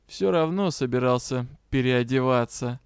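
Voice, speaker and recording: A man's voice: mid-range voice, moderate pace, clear, resonant tone, dry recording, clean studio sound, close to an everyday voice. A man voicing a stern, cold male lord-magister in an audiobook, speaking in a clipped, icy way.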